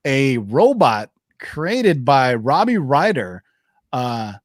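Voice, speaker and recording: A man's voice: medium pitch, sing-song, slow, no room sound, studio quality. A man hosting a casual comic-book livestream, hyping things up like a giveaway announcer in a rambling, joking, salty and informal way. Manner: salty, jokey, informal address. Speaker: livestream host.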